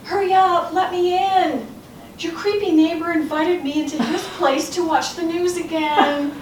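A woman's voice: very high voice, fairly even intonation, measured pace. A woman acting a flustered, overexcited young woman friend who squeals and giggles. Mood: impatient. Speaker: acting student. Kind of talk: reading a comedy scene in class. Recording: roomy classroom audio from far off, noisy.

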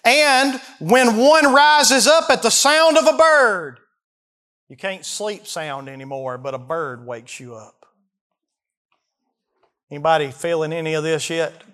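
A preacher in his early forties with a Southern American accent gives an expository sermon, reading verses and then unpacking them by asking his listeners questions. He speaks in a notably high, slightly bright voice, folksy and emphatic.

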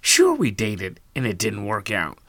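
A man voicing a shocked, indignant adult woman in a raised pitch. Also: wildly swooping pitch, unhurried, a bit bright, no room sound, exaggerated voice.

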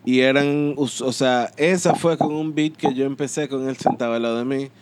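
Smooth-voiced male producer. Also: mid-range voice, normal speed. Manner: relaxed, rambling explanations. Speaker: music producer. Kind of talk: casual interview chat.

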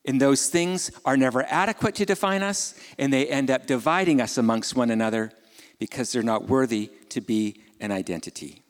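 A male pastor gives a sermon in an easy, conversational manner, putting questions to his listeners and stepping aside for informal remarks. His voice sits at an ordinary middle pitch. The sound carries a long reverb, as in a large church hall. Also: moderate pace. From Ukraine.

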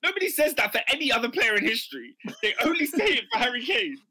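A man arguing insistently in animated, casual football debate. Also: very high voice, fast talker, background noise. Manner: insistent, argumentative. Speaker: football podcast panellist.

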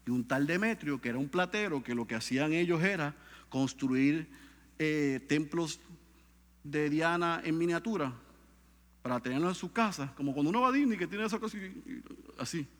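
A man preaching a sermon with great drama, dropping low and quiet and then rising to loud, high cries. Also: animated, moderate pace, long reverb tail. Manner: swings from hushed to shouting, dramatic.

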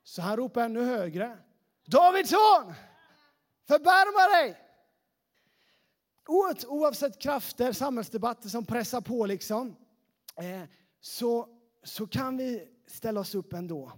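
A man, a youth pastor, giving a lively, casual sermon to a young congregation, chatty and peppered with fillers. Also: extremely high pitch.

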